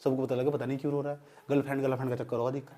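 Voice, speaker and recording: A man's voice: medium pitch, little pitch movement, rapid-fire, dark tone. A man teaching physics to a class in a casual, joking lecture style, often checking whether the students have understood.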